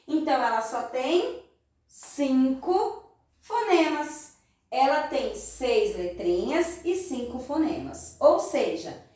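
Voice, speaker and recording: A Brazilian woman teaching young children in a slow, sing-song voice, recorded in an echoey room from some distance. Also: high voice, darkish tone. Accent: Brazilian Portuguese. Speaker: primary school teacher. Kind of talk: recorded remote class lesson.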